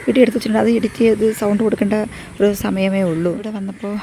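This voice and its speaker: A woman walking a rural path on a casual vlog, hoarse from losing her voice, chatty and rambling as she repeats herself. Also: medium pitch, level tone, racing, mellow, slight background noise. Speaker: vlogger. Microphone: phone front camera at arm's length.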